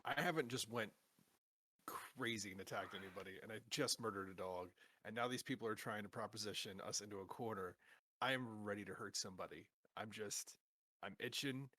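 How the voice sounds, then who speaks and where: A man playing a tabletop role-playing game in character, animated and joking. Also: on the low side, fairly quick, breathy edge, dry recording. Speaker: player.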